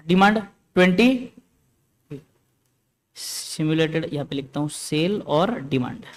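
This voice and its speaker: A man with a fairly high voice teaches a class, working through a problem one step at a time. He keeps stopping to ask whether the students have understood, and his carries an influence. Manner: explains step by step, checks with the class. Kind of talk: classroom lecture.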